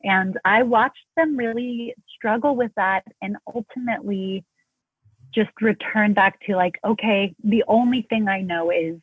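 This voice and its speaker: A woman speaking as a podcast guest in casual conversation, reflective and slowing down to stress key words. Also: medium pitch, breathy edge, no echo. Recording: dry, phone-like remote line.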